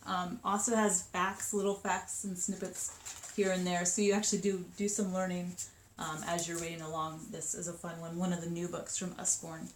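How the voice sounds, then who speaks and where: A woman in her thirties chatting upbeat about children's books, with lots of ums and quick asides. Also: fairly low pitch, flat delivery. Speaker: children's book seller. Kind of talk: casual book showcase. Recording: echoey room with faint noise.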